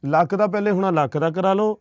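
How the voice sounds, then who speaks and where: A man's voice: high voice, brisk, darkish tone, dry recording. A man talking earnestly to a family as he hands over aid money, reassuring and preachy, often checking with short questions. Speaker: charity worker handing over aid. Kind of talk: earnest on-camera talk.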